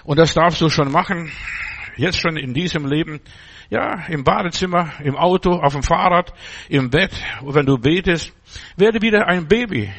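An older man preaching a sermon with fervent, repetitive phrasing and halting restarts. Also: fairly high pitch, a bit bright, husky.

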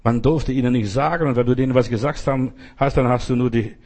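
A man's voice: medium pitch, steady tone, quick pace, darkish tone. A man preaching in an informal sermon style, earnestly talking straight to the listener. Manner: earnest, addresses listener directly. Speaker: evangelist preacher.

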